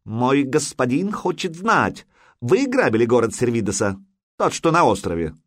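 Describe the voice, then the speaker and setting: A gruff, menacing interpreter, put on by a male narrator, who snaps out short, broken questions in a higher, slower voice with a lively, swinging pitch. It sounds close and completely dry, with no room around it. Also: dry recording. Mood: demanding. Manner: broken halting speech, barked demands.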